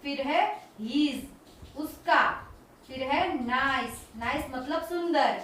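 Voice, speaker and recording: Slow, high-voiced woman teaching children. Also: a bit bright. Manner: slow, repetitive word-by-word explaining. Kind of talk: children's vocabulary lesson. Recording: very echoey room, distant mic.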